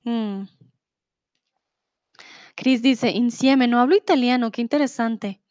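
A woman's voice: a little high, slow, darkish tone, dry recording. A woman teaching on a live stream, reading viewer comments aloud and patiently explaining verb forms. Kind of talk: live-streamed language lesson reading chat.

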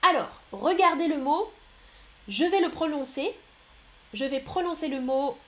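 A woman teaching a live online French lesson, speaking slowly and clearly, praising students and reading their chat replies aloud. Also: sits high, animated, a bit bright. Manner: slow, clear, encouraging, reads chat names aloud.

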